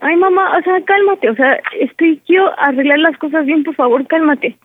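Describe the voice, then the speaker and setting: Lady putting on a high-voiced scared daughter, talks over her mom, phone line sound. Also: moderate pace, dry recording, close to an everyday voice. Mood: pleading. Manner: pleading, upset, talks over her mother. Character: young woman pretending to be two daughters. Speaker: prank caller. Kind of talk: prank phone call. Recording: dry tinny phone line.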